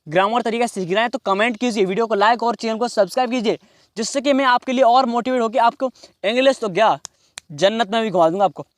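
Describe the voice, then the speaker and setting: ऊँची आवाज़ वाला हिंदी अंग्रेज़ी शिक्षक. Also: male voice, extremely high pitch, no echo. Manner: explains slowly, repeats phrases, says "okay" and "next". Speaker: English teacher. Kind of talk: classroom lesson.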